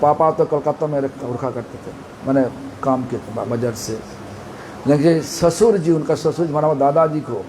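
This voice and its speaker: Slow, emphatic man giving a sermon. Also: a little high, a little mellow, a little hiss or hum, poor audio. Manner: emphatic, repetitive phrasing, asks the listeners direct questions. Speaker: spiritual teacher. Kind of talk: devotional storytelling sermon.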